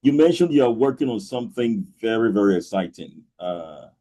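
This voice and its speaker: A man with a baritone voice, hosting a casual webinar chat. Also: lively intonation, a little fast, mellow. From Ghana. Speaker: webinar host and fellow voice actor. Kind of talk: casual reactions and questions.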